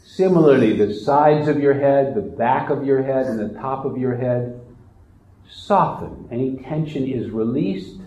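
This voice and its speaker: Slow, soft-spoken man guiding meditation. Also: medium pitch, reverberant, poor audio. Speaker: meditation guide. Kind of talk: guided meditation.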